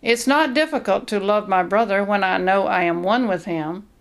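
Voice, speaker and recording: Woman, sermon-style Bible reading, earnest, measured, gravelly fry. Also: mid-range voice. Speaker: Bible teacher. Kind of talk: read devotional teaching.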